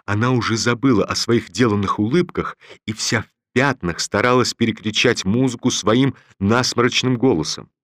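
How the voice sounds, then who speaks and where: A man narrating a classic novel in a steady, measured storytelling manner. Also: medium pitch, no room sound, studio quality. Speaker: audiobook reader. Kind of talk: scripted literary narration.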